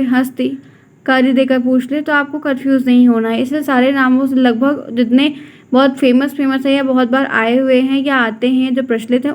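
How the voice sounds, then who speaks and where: A woman teacher going through an exam-prep lesson, repeating key words and reminding students to keep them in mind. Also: high-pitched.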